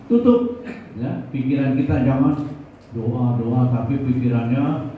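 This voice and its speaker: A slow-talking man preaches in a church, joking with his listeners and asking them questions. He is heard from a distance in a very echoey hall. The sound is thin and phone-like, with faint noise behind. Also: mid-range voice. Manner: jokey, conversational, asks the congregation questions. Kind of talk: sermon.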